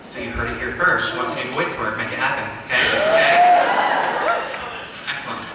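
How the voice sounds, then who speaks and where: A man's voice: mid-range voice, fast. A man moderating a panel in a casual, joking way. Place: large convention hall panel with audience. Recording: echoey hall, distant, noisy crowd.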